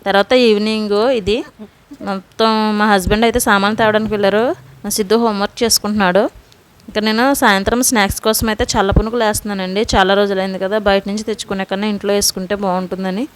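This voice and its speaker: A woman's voice: medium pitch, fairly even intonation, fast talker, clean tone. A woman in her thirties, a home vlogger and mother, patiently coaxing her child through homework and chatting to viewers while she cooks. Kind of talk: casual home vlog chat. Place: home kitchen.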